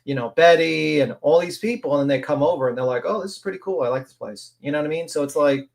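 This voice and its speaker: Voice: medium pitch, fast talker, gravelly. A speaker talking through a voice changer that makes them sound like a man, chatting casually and candidly on a livestream call, rambling and swearing now and then.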